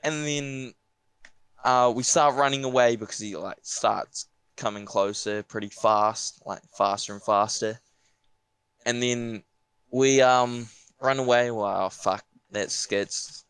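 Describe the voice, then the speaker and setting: A man's voice: medium pitch, fairly even intonation, measured pace, a bit bright, smooth, no room sound. A young man with a broad New Zealand accent casually telling an anecdote on a podcast, slangy, sweary and laid-back. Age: young adult. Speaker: podcast speaker.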